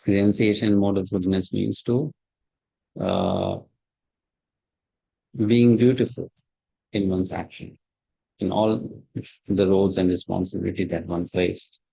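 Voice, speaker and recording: A man's muffled voice comes through as if from behind a wall, low and gravelly, over a dull and dry computer microphone. He lectures on a video call in halting phrases, stopping and restarting his sentences. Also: lively intonation, mellow, no room sound. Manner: halting, with frequent restarts and fillers. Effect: muffled, as if heard through a wall. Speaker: teacher leading an online scripture class. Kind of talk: lecture with questions to students.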